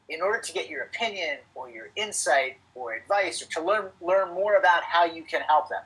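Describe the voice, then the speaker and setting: A man's voice: fairly high pitch, fairly bright tone, slightly rough, low-quality recording. A middle-aged man presenting a live webinar to financial advisors, emphatic and coaching, repeating his key points.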